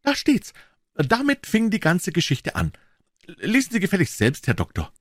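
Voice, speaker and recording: A man doing a high, excitable old-style shopkeeper. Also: normal speed, no echo, studio quality, full character voice. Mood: eager. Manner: high, eager, exclaiming. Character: excitable middle-aged male pawnbroker, plain-spoken. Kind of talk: audiobook character voice.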